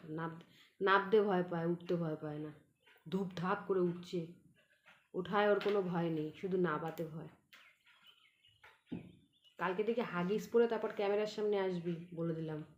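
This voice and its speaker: A woman's voice: normal speed, pauses often, dull audio. A woman filming a casual home vlog, chatting and coaxing her pet dog. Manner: coaxing, chatty, calls the dog in high tones. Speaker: pet vlogger. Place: home room.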